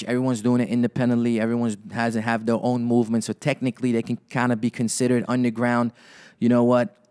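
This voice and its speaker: A man's voice: medium pitch, darkish tone, clear, resonant tone. A young man with a laid-back manner, talking casually in an interview as a rapper, using hip-hop slang and repeating words as he thinks. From Los Angeles area, Armenian heritage.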